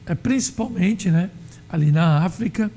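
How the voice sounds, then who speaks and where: Male Bible teacher from Brazil, gravelly and dark-toned, measured lecture with fillers. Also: sits high. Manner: measured, explanatory, with many fillers. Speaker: Sunday school teacher.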